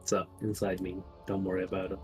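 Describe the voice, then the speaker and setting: A man's voice: low-pitched, completely flat delivery, fairly quick, faint music behind. A man co-casting a game tournament, making dry, offhand quips in casual chat. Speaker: co-caster. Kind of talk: casual esports commentary.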